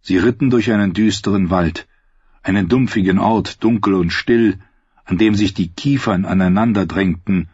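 A man reading a novel aloud in a measured, dramatic narration style. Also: low-pitched, a little mellow, husky, no echo, dull audio. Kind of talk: scripted audiobook narration.

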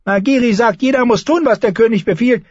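A man's voice: a little fast, no room sound, muffled recording. A man voicing a whiny boy king. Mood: petulant. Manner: whiny, insistent, pitched up high. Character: boy king, petulant and demanding.

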